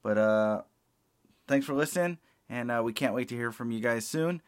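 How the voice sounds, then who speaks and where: A middle-aged man hosting a casual podcast, relaxed and rambling with plenty of fillers, into a close mic. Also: medium pitch, moderate pace, smooth, no echo. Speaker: podcast host.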